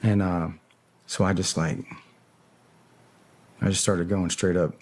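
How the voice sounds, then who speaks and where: A man's voice: deep voice, little pitch movement, slow, darkish tone. A man, a podcast guest, telling a story in casual talk, swearing bluntly and often stopping to search for words. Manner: profane, blunt and hesitant.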